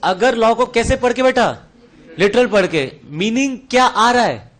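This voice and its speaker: A man with a high voice and Indian English accent runs a revision lecture in a classroom. He fires question after question at his students, calling them "beta" and answering them himself. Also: lively intonation, measured pace, a bit bright. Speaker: teacher.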